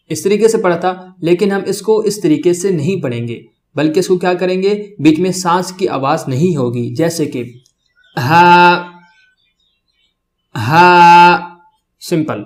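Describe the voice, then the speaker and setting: A man teaching a beginner pronunciation lesson, explaining each sound slowly and then drawling the letter loudly twice. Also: high-pitched.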